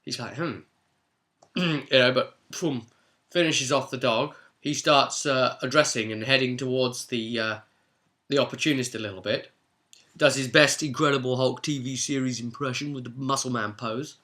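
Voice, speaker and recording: This tabletop session recap comes from its British game master, who tells the story with chatty animation and an easygoing style. He keeps a moderate pace, and his voice at a middle pitch is bright and forceful.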